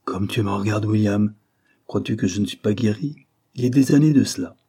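A man's voice: lowish voice, fairly quick, warm tone, breathy edge. Man voicing a sardonic young invalid, teasing. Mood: mocking. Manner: teasing, ironic. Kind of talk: audiobook character reading.

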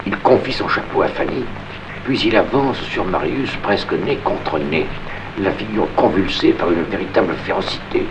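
A male narrator reads stage directions in a calm, measured way. His voice is very low. The hissy tape marks it as an old archive recording.

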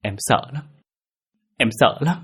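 A man's voice: fairly low pitch, a little fast, breathy edge. A man putting on a terrified young wife's voice. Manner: pleading, sobbing, panicky. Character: frightened pregnant young wife, fiercely protective.

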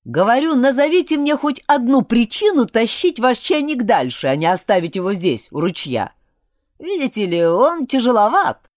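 A woman's voice: fairly high pitch, big pitch swings, moderate pace, a little mellow, no echo. Woman doing blunt practical young male necromancer, dry close storybook read. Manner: blunt and matter-of-fact.

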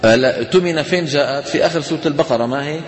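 Levantine teacher in an echoey hall. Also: male voice, a little high. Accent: Levantine Arabic. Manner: conversational, asks students rhetorical questions; chants Quranic examples slowly. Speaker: Quran recitation teacher. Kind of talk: classroom lesson on tajweed.

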